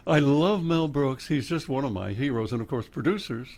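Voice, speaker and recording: With lively intonation and a darkish, medium-pitched voice, an older guest from Oklahoma rambles through chatty stories at a moderate pace on casual studio radio. He laughs frequently and keeps jumping between subjects.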